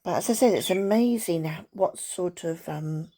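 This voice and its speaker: A woman's voice: on the low side, a little slow, warm tone, a little hiss or hum. An older woman chatting at home to her viewers, rambling through a story with asides to her dog. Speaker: vlogger. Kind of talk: casual chat to camera. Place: at home, indoors.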